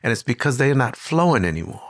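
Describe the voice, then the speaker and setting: An older man hosting an interview, telling stories in a lively, conversational way with frequent restarts. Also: mid-range voice, fast, no room sound, clean studio sound. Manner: warm storyteller, animated with many restarts. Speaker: host.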